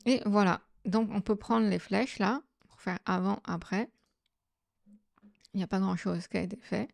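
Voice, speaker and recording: Casual woman walking through software steps. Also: medium pitch, steady tone, normal speed, gravelly, dry recording. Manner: casual, step-by-step explaining with fillers. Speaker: astrophotography tutorial host. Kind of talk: screen-recorded software tutorial.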